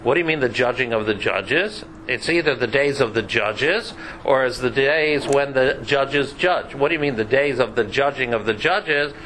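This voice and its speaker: A man's voice: mid-range voice, normal speed, fairly bright tone, a little hiss or hum, poor audio. A man giving a conversational Bible class lecture, chatty and sprinkled with dry joking asides. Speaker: Bible teacher.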